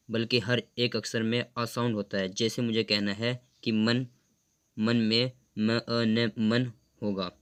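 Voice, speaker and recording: Guy teaching vowel sounds, slow and careful, low flat voice. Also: clean tone. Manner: slow, careful, reads out word lists one by one. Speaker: English pronunciation teacher. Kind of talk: slow explanatory lesson.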